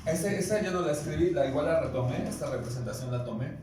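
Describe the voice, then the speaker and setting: A man with a Mexican Spanish accent leads a classroom lesson, patiently explaining and asking his students questions. His voice sits a little high. He is picked up from across a strongly echoing room with faint background noise. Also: fast talker. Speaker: Nahuatl teacher. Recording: echoey room, distant mic, faint noise.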